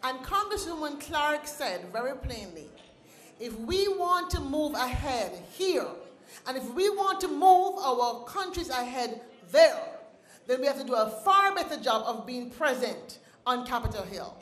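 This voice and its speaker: A woman's voice: sits high, very animated, unhurried, a bit bright. A woman, the founder and president of an organization, speaking to an awards audience with a rhythmic, sing-song delivery. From Caribbean. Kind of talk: ceremony speech with poetry recital. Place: banquet hall at an awards ceremony. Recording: echoey banquet hall.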